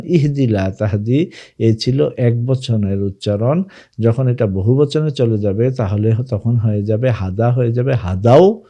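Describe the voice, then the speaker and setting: Man, teacher, slow deliberate pace, warm dark tone, repeats each form, recorded lesson. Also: mid-range voice, muffled recording. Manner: drills verb forms slowly, repeating each one; addresses students directly, asking them to pay close attention. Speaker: Arabic teacher.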